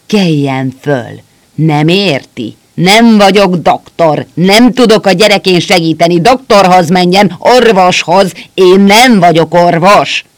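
A man voicing a drunken, surly man who shouts his refusals in a gruff voice. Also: fairly high pitch, expressive. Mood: angry shouting.

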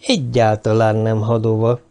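A man reading an audiobook, voicing a dying bearded mathematician who speaks in a low, raspy, scornful, lecturing way. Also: little pitch movement, mellow, lightly acted. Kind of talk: audiobook character voice.

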